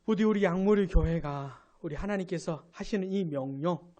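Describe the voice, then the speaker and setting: A male pastor giving a live Sunday sermon, asking his congregation questions and building to loud emphatic peaks. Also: high-pitched, normal speed. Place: church sanctuary.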